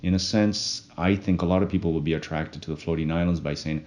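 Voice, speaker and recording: A man from French Polynesia, a guest speaking in a thoughtful, casual interview manner with many pauses and fillers. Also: low voice, steady tone, darkish tone. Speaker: guest, project co-founder.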